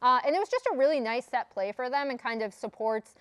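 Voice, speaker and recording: A woman's voice: high-pitched, fast talker, fairly bright tone, clear, resonant tone, no room sound. A woman walking viewers through a gameplay replay as an esports desk analyst. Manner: explanatory, walks through replay.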